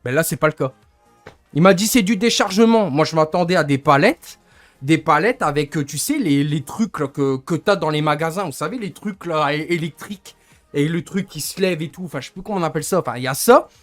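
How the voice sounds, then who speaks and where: A young man rants to his livestream chat about his frustrations, rambling and hunting for words as he goes. His voice sits a little high, the sound is dry and close, and faint music plays underneath. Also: expressive, brisk, dry recording. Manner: rambling, gets annoyed, searches for words. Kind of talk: casual venting to stream chat.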